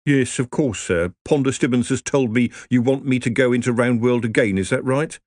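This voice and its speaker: A man's voice: mid-range voice, normal speed, a little mellow, no room sound, clean studio sound, natural voice. A man voicing an anxious, whiny, put-upon middle-aged wizard.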